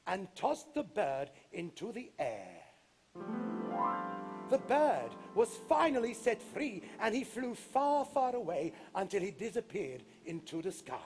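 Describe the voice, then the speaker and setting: A man telling a folktale live on a stage, with dramatic, animated narration. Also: sits high. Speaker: storyteller. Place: stage in a large concert hall.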